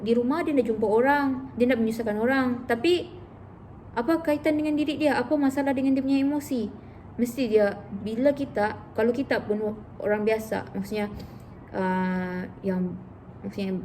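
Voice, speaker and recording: Woman therapist, relaxed vlog host, a touch high-pitched, acts out little examples. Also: a little hiss or hum. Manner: chatty, explains through acted-out examples. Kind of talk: informal educational vlog talk.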